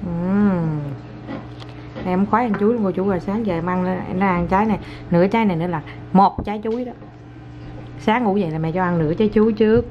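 This home video from a mother who vlogs has a dull, lo-fi quality and faint noise. Speaking fast at medium pitch, she chats indoors with her toddler and her audience in a coaxing, playful way, with frequent laughter.

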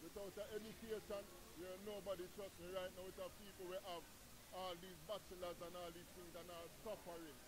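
A man's voice: sits high, level tone, fairly quick, low-quality recording. A middle-aged man from Trinidad and Tobago with a Caribbean patois accent, a reggae artist giving an earnest, preachy interview in a music lounge on a handheld mic. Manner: earnest, preachy, repeats "you know what I mean". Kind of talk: interview at a venue. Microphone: handheld mic held by interviewer.

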